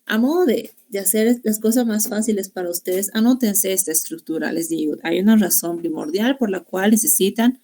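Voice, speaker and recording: Over a video call, a woman teaching English to an online class explains grammar in Spanish, mixing in English classroom phrases. Her mid-range voice moves at a moderate pace with few pauses, warm and encouraging, full of diminutives.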